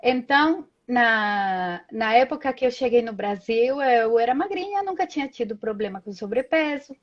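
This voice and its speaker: Speaking at normal speed, a woman from Colombia with a slightly high, expressive voice chats as a guest on a lo-fi live video call. She's in her thirties and a native Spanish speaker, casually telling stories and dropping in many tag questions.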